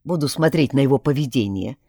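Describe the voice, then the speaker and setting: Female reader doing a stern old male dog, slow scolding growl, storybook, dry close sound. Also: extremely low pitch, expressive, dark tone, slightly rough, dry recording, pitched below the performer's own voice, heavily acted.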